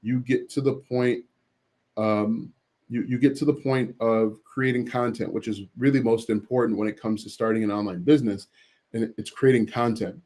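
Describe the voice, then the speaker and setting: A man's voice: mid-range voice, steady tone, normal speed, darkish tone. A man hosting a casual livestream, reading viewer questions from the chat and answering them with frequent fillers and restarts.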